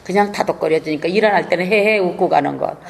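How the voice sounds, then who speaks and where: A woman's voice: lowish voice, quick pace, creaky. A woman pastor giving an emphatic, colloquial sermon.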